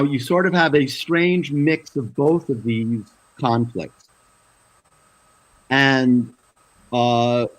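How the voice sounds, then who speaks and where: A man speaking as a guest analyst on an online panel over a video call, in a measured, lecturing way. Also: mid-range voice, a bit bright, poor audio. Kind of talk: panel commentary.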